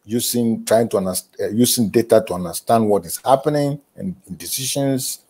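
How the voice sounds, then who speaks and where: A man delivers a prepared keynote, pacing his words slowly and deliberately. His voice sits low and sounds mellow and dark. He speaks over a headset on a video call from a book-lined study at home. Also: slightly rough. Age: 70s. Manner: measured, deliberate delivery with pauses. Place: home study with bookshelves, indoors. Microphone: earphone headset on a video call.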